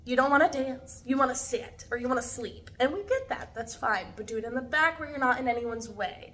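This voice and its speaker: A woman's voice: sits high, expressive, a little fast, a bit bright. A young woman vlogging casually, chatty and blunt, swearing freely as she talks. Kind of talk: casual packing vlog.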